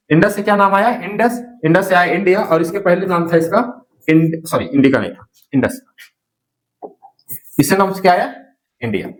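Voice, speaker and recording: A man's voice: high voice, rough recording. A male teacher giving a lesson, writing on a board, who keeps asking questions and answering them himself, repeating key words and correcting slips. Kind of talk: classroom lecture. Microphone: writing on a board while talking.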